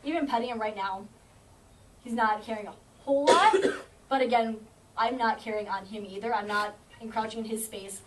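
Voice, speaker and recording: A woman who trains shelter dogs, teaching a group of volunteers with confidence and acting out what the dog thinks. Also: fairly high pitch. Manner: confident, explains with quick acted-out dog thoughts. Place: indoor room at an animal shelter. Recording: distant camera mic, faint noise.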